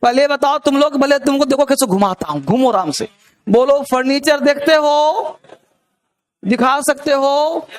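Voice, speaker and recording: A man's voice: extremely high pitch, unhurried. A male English grammar teacher giving a live classroom lecture, constantly firing rhetorical questions at his students.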